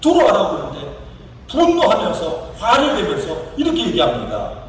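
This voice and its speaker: A man's voice: sits high, moderate pace, slight background noise. A man, a pastor, preaching a sermon and acting out the story's characters in their own voices. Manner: lively, rising and falling emphasis. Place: church sanctuary. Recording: echoey church hall from a distance.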